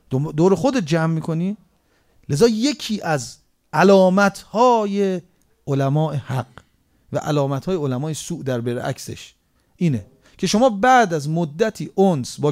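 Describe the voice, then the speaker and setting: A man with a high voice delivers a sermon. He fires off rhetorical questions one after another, then sinks into soft, low passages. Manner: rhetorical questioning, swinging from raised reproach to low quiet tones. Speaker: preacher.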